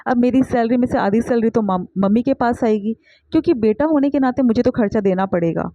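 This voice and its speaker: A woman voicing a calm, firm young husband, speaking in measured terms on a dull lo-fi recording. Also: on the high side, no room sound, natural voice.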